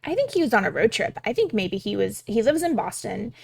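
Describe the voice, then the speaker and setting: A woman's voice: medium pitch, big pitch swings, brisk, vocal fry, husky, no room sound. A young woman casually thinking aloud while she prepares a tabletop game, rambling with many fillers and casual swearing. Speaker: game master prepping a campaign.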